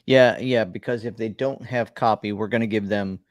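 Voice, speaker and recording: A man's voice: fairly low pitch, steady tone, moderate pace, no echo, clean studio sound. A man hosting a casual live-stream, chiming in with agreeable remarks and short assents. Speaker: channel host.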